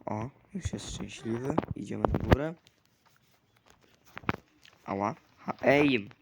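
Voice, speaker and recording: A man commentating a video game, chatting to the game characters with sudden loud outbursts. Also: mid-range voice, slow. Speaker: gamer. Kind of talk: let's play commentary. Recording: clear clicking noise behind.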